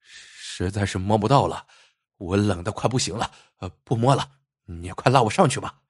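A man voicing a scheming county magistrate who is freezing and begging, in a husky, shaky voice for a storybook reading. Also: on the low side, moderate pace, no echo, studio quality, voice pushed down. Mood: pleading, exhausted.

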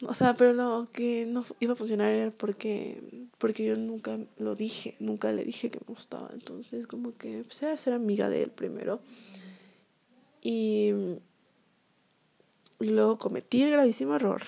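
A young woman vlogger chats through a personal story in a loose, rambling way, leaning on fillers. Her voice sits a little high with a steady gravelly fry, and the tone is mellow rather than bright. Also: moderate pace. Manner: chatty, rambling, lots of fillers. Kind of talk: casual storytelling to viewers.

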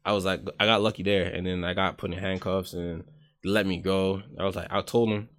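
A man's voice: low voice, flat delivery, brisk, fairly bright tone. Young man rambling through a story. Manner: rambling storyteller, swears casually. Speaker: podcast co-host. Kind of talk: casual podcast chat.

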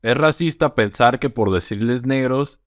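Mexican male co-host, mid-pitched, measured storyteller, dry close mic. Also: no echo. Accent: Mexican Spanish. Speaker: podcast co-host. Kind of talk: casual podcast chat.

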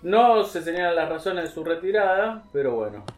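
A man hosting a casual panel chat, reading out news items with a playful, deadpan delivery. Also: sits high, moderate pace, soft background music. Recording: roomy studio echo.

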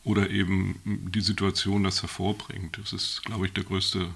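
A man in his sixties, a podcast guest who speaks in a measured, reflective way. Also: deep voice, monotone, vocal fry, a bit bright, husky. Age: 60s. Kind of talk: conversational interview answers.

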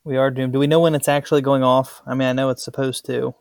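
A young adult man talks casually on a podcast recorded inside a closet. His pitch moves very little, and the sound is close and dry. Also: level tone, fast, gravelly, dry recording.

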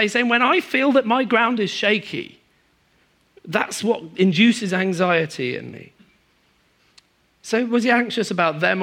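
A man delivers a sermon to a congregation, his voice fairly high for a man. He swings from loud, emphatic stretches down to quiet, low asides. He speaks with conversational warmth rather than formal oratory. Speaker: preacher. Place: church hall in front of a congregation.

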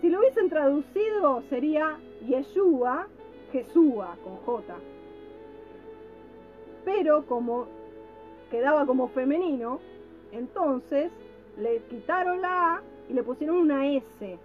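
A woman giving a reflective religious talk, slow and deliberate, often checking in with her listeners. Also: high-pitched, lively intonation. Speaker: religious teacher. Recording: tinny phone-like sound with faint music.

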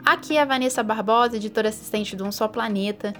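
Woman podcast host, friendly and fluent, slightly high voice, light music bed. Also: fast talker. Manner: friendly, fluent, many tag questions. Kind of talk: podcast interview hosting.

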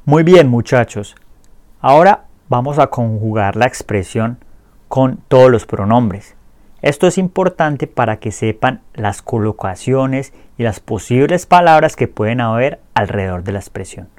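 Male teacher, mid pitch, careful modeling for repetition, dry close-miked. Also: animated, darkish tone, no room sound. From Colombia. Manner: clear, slow model pronunciation for learners to repeat. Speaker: Spanish teacher. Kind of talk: language lesson.

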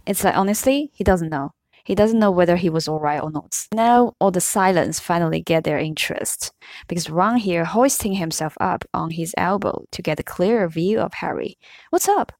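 A woman's voice: fairly low pitch, normal speed, darkish tone, no room sound, clean studio sound. Chatty woman reading a story aloud. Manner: chatty, amused, retells in her own words. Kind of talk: casual book reading with commentary.

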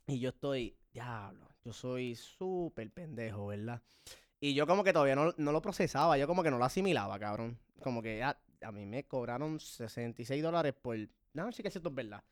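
A man's voice: medium pitch, lively intonation, fast talker, few pauses. A man with a Puerto Rican accent telling a profane, self-mocking story in casual podcast chat. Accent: Puerto Rican Spanish. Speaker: podcast host.

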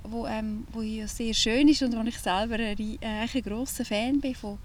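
A woman's voice: fairly high pitch, fairly even intonation, fairly quick, a little hiss or hum. A woman with a Swiss German accent hosting a podcast, talking casually and vividly from inside an old camper van, often restarting her sentences as she searches for words. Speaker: podcast host. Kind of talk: casual chat.

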